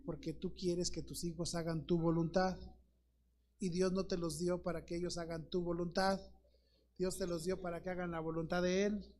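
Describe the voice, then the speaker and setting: High-voiced Mexican pastor telling a story. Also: male voice, moderate pace. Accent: Mexican Spanish. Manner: acts out dialogue in lively voices, addresses listeners as brother. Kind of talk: Sunday school sermon with storytelling.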